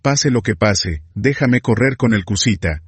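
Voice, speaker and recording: A man voicing an eager young male messenger in an earnest, deliberate read. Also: lowish voice, expressive, slightly rough, no echo. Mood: insistent.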